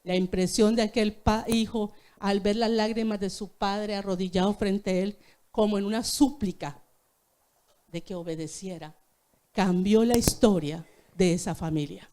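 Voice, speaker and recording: A woman's voice: mid-range voice, steady tone, moderate pace, dark tone. A woman preaching a sermon in a church, telling a story and speaking directly to the congregation.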